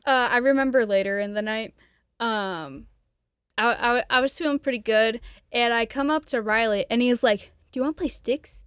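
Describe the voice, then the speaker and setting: A young woman co-hosting a podcast in casual chat, giggly and lively. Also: a little high, moderate pace, clear, resonant tone, no echo, clean studio sound. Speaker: podcast co-host.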